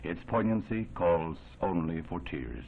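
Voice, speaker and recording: A man giving solemn, measured, formal narration in an old 1960s newsreel. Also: sits low, lively intonation, vocal fry, a little hiss or hum. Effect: old 1960s newsreel sound. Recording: thin narrow-band old film audio with music underneath.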